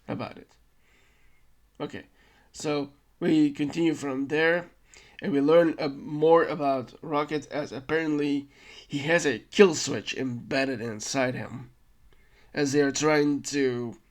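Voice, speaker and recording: A man hosting a podcast, recapping a film in a casual, rambling way, often stopping to correct himself. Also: a little high. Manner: rambling, self-correcting, stammers on restarts. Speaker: podcast host.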